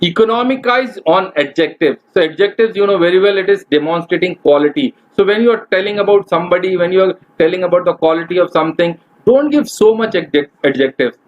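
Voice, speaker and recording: A man's voice: sits high, expressive, fast talker, few pauses, lo-fi sound. A man, a corporate trainer giving direct, instructive advice in a webinar lecture. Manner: instructive and direct, addressing the audience as guys.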